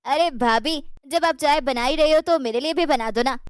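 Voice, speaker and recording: A woman voicing a calm, sly young sister-in-law in a cartoon story, speaking slowly and teasingly. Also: sits high, no echo, clean studio sound, close to an everyday voice.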